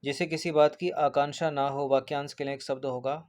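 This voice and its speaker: Brief: male exam coach, monotone delivery, walks through answers item by item and repeats them. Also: a little high, brisk. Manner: explains point by point, repeats answers, checks in with 'ठीक है'. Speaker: exam prep teacher. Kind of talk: exam paper walkthrough.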